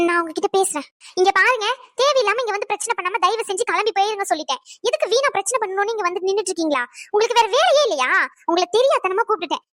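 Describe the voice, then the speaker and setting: A woman's voice: extremely high pitch, a bit bright, no echo, studio quality. A woman voicing a young bride in a cartoon drama who stands up to her aunt. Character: young bride, anxious but firm.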